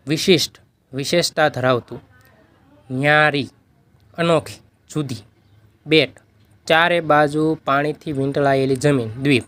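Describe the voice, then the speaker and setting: Slow, steady male tutor. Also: on the high side. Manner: slow, steady listing of words and meanings. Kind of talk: reading out vocabulary definitions.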